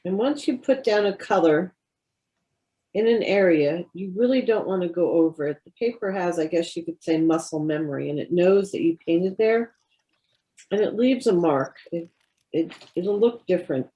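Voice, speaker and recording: Patient, encouraging woman art instructor with a slightly low voice, practical live-class delivery. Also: moderate pace, warm tone, highs cut off. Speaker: watercolor instructor.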